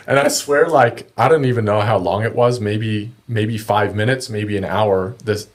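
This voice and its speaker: Guy, kinda deep voice, chill slangy storytelling like a podcast guest. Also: unhurried. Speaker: podcast guest, kayak angler. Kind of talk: casual chat, anecdotes.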